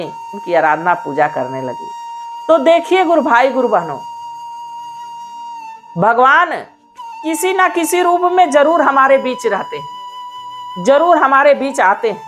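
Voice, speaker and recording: A woman's voice: sits high, sing-song, a little slow, long pauses, soft background music. A woman narrating a devotional story in an earnest, sing-song manner and addressing her listeners directly.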